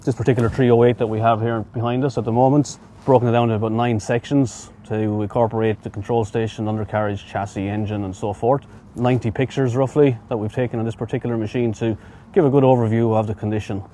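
Man, middle-aged, inspector, practical explainer, quick delivery, outdoors. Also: medium pitch, fairly even intonation, dark tone, a little hiss or hum. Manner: practical, repeats words while explaining. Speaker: machine inspector. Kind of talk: on-site equipment walkthrough. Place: outdoors at an equipment auction yard.

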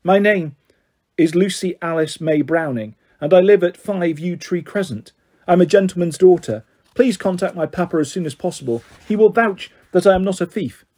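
A man voicing a polite, earnest young girl, a gentleman's daughter, who pleads her case properly. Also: sits high, moderate pace. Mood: pleading.

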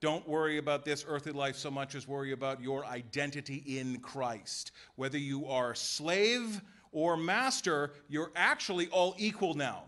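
A man preaching a sermon in a church, emphatic and full of rhetorical questions and quick voiced asides. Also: a little high, a bit bright. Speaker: pastor. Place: church sanctuary.

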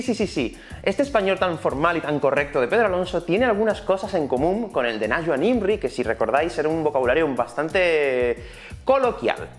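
A man with a Spain Spanish accent teaching an online Spanish lesson in a chatty, explanatory way. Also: on the high side. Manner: chatty, explanatory, many fillers.

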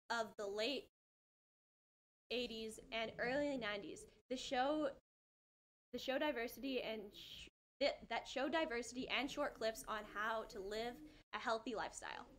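A woman's voice: fairly high pitch, fairly bright tone. A teenage girl reading school announcements from a small school studio, stumbling over some words. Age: teens. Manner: reads carefully, stumbles on words. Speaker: student announcer.

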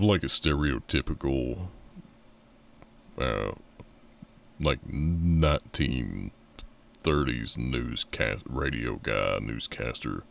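A man's voice: a bass voice, vocal fry, recorded from a distance, slight background noise. A man streaming a horror game live, chatting casually with his viewers and laughing often.

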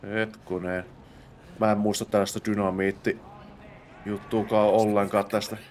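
Finnish man, young, lowish voice, casual let's play talk, mutters and exclaims, faint noise behind. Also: flat delivery. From Finland. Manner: mutters to himself, bursts into exclamations in fights. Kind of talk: casual gameplay commentary.

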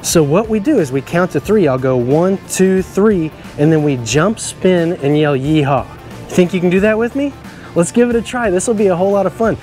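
A man's voice: high-pitched, normal speed, darkish tone, soft background music. A middle-aged man hosting a children's show as a cowboy, touring a stadium locker room with big enthusiasm and frequent laughs. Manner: enthusiastic, exclamatory, laughs often. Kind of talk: upbeat kids' show tour hosting.

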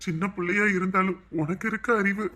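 Guy acting as a middle-aged dad, earnest and measured, kinda bright higher voice. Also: fairly even intonation. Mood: remorseful. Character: educated remorseful middle-aged family father. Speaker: father-in-law in a family drama. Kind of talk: web drama acting.

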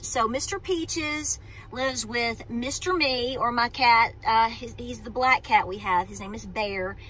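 A homestead vlogger with a slightly high, sharp-toned voice chats casually to her phone camera, held at arm's length, while sitting in a parked car. She rambles, interrupts herself, and keeps restarting her sentences.

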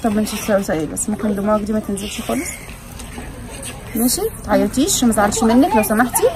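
A woman's voice: mid-range voice, racing, a crowd in the background. An Egyptian woman, a mother vlogging with her family, talking in a coaxing, insistent way. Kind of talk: casual family vlog chat.

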